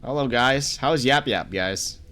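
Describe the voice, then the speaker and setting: A man's voice: medium pitch, a little slow, bright, forceful tone. A man streaming a game live, chatting with viewers and swearing as he plays. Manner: chatty, cursing, greets chat between reactions.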